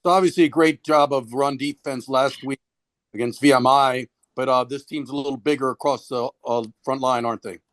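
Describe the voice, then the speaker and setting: A man's voice: mid-range voice, fairly even intonation, fairly quick, fairly bright tone, no echo. A male sports reporter on a video call, asking long, winding, conversational questions at a press conference.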